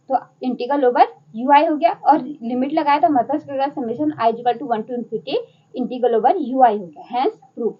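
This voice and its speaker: A woman's voice: high voice, husky, dull audio. A woman with a Hindi accent teaching a math lecture step by step, asking and answering her own questions.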